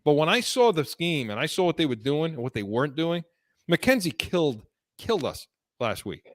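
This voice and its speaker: A man's voice: a little high, big pitch swings, moderate pace, no room sound, clean studio sound. A man co-hosting a sports podcast, talking heatedly about football and breaking off and restarting his sentences, his voice worn from illness. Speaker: podcast co-host.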